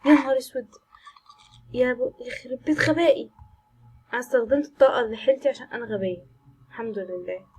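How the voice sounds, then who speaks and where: A woman's voice: a little high, fast talker, long pauses, a little mellow, breathy edge, low-quality recording. A woman with an Egyptian Arabic accent giving jumpy, chatty commentary while playing a horror game, reacting aloud to scares and mixing in English words. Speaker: gaming channel host.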